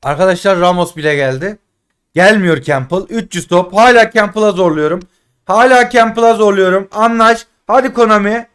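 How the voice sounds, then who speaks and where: A man doing casual live commentary while opening game packs, frustrated and pleading, swinging between loud outbursts and muttering. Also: high-pitched, moderate pace, clean tone. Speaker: gaming streamer.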